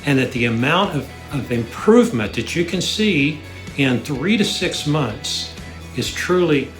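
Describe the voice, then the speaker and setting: A man's voice: fairly high pitch, animated, a little slow, over music. A man, giving a sincere personal testimonial about his singing. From Texas, USA. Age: 60s. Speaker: student testimonial.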